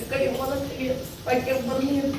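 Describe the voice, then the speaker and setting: Give me a pleading, tearful old mother, as a woman acts her out in a church stage drama, her voice a touch high, heard from a distance across a very echoey hall over loud background noise. She sounds worn down and lost. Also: fairly even intonation, fast talker, natural voice. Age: older. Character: old mother, ill and cast out, sorrowful. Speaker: church skit actor. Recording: echoey hall from far off, noisy.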